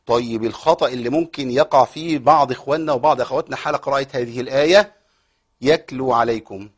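A mid-range, husky male voice delivers a tajweed lesson at a very fast clip, with an Egyptian accent. This Quran recitation teacher explains rules, answers his own rhetorical questions, and gives recited examples.

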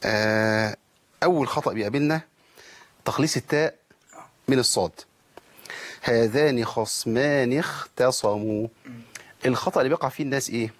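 A man with an Egyptian accent teaching a tajweed lesson, explaining pronunciation and stretching out words slowly to demonstrate. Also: medium pitch. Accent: Egyptian Arabic. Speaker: Quran recitation teacher.

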